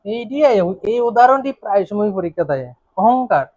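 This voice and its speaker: High-voiced male teacher, questioning. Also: sing-song, brisk, darkish tone, no echo. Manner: questioning, repetitive, coaxing students. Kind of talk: classroom grammar lesson. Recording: dull dry classroom recording.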